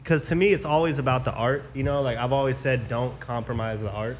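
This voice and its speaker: A man's voice: mid-range voice, steady tone, a little fast, slight background noise. Enthusiastic, slangy radio host man. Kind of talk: casual interview chat.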